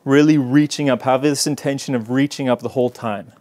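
A man's voice: medium pitch, steady tone, a little fast, darkish tone. A man teaching a guided yoga class, giving encouraging instructions and slightly out of breath.

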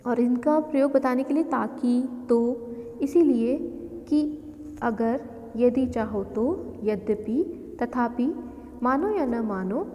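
A woman teacher explaining a grammar lesson slowly and deliberately, listing examples one by one. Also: a little high, mellow, long reverb tail, slight background noise.

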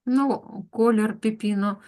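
An older woman answers her teacher's questions slowly, pausing to search for words. Her voice sits a little high, and she speaks at an unhurried, hesitant pace. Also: steady tone, a little mellow. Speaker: student. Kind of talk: answering in a lesson.

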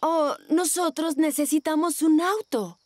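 A woman voicing a gentle, sensible mother pig in a children's cartoon. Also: high-pitched, measured pace, dry recording.

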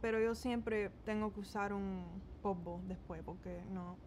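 Her voice is mid-range, steady in tone and unhurried, with background noise behind it. She's a twenty-something beauty vlogger from Miami with a Cuban-American accent, casually walking through a makeup tutorial in a small bedroom and switching into English words within her Spanish.

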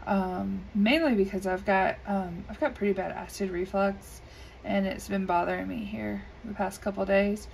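A coloring video creator talks casually while coloring at her desk indoors, relaxed and peppered with ums. Her scratchy, gravelly voice is medium-pitched and a little mellow, held in a steady tone at a moderate pace. Sound is picked up by an overhead camera positioned above the desk.

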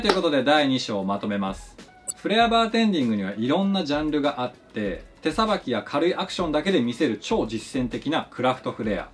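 Man, polite scripted explainer, pitch swinging up and down, faint music underneath. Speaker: flair bartender explaining his craft. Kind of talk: scripted educational narration.

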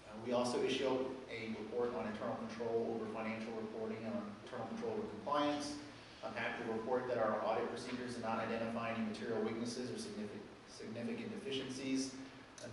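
A man presenting an audit report in a formal, measured way at a board meeting. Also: on the low side. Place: large school board meeting room. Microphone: podium mic recorded from a far camera. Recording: echoey hall, distant, noisy.

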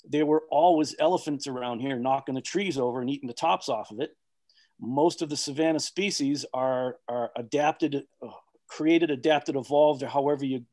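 A man's voice: mid-range voice, a little mellow. Rambling male panelist on a call. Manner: rambling, many fillers and restarts. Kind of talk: online expert panel talk.

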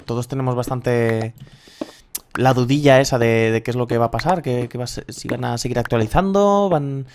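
Spanish man, thirties, Castilian accent, excitable gameplay commentator with a mid-pitched voice and faint noise. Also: moderate pace. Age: 30s. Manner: excitable, swears freely, rambling. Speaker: gaming youtuber.

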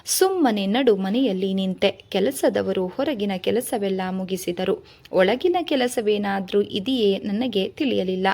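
A woman reads a novel aloud as a storyteller, in her own voice. Her narration is measured and expressive, at a middle pitch.

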